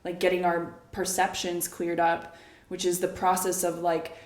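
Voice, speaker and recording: A woman's voice: fairly low pitch, completely flat delivery, a little mellow. A woman co-hosting a casual reflective discussion, talking things through thoughtfully with frequent fillers. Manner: thoughtful, many "like" fillers, quick bursts. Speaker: co-host discussing a reading. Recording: roomy echo.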